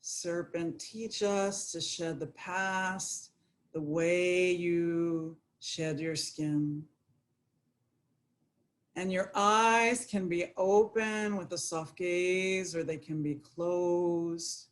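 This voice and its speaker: A woman guiding a yoga nidra meditation, speaking in a slow, soothing, prayerful way. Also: lowish voice. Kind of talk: guided meditation.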